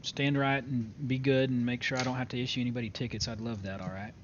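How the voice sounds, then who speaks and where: A man role-playing a judge in court, announcing formally like a court clerk, with hesitant pauses. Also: level tone. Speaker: judge in an online role-play game. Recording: dull lo-fi mic with clear rumbling noise.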